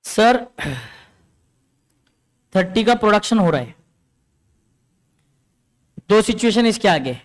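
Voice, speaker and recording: A man's voice: high voice, lively intonation, slow, long pauses. A man teaching a classroom lecture, explaining step by step and often checking that students follow.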